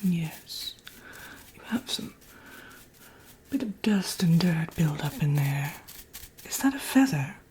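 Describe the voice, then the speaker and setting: A woman voicing a prim, fussy witch villainess in a breathy, hesitant ASMR whisper, chatting and gently scolding up close. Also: deep voice, sing-song, takes it slowly, long pauses, exaggerated voice. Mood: concerned, scolding. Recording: audible background noise.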